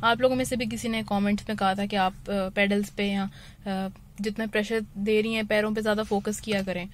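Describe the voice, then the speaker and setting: Young woman, driving vlogger, casual step-by-step talk, phone mic in a moving car with clear road noise. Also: medium pitch, little pitch movement, a little fast. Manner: explains each step plainly, slipping English phrases in. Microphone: phone held in one hand.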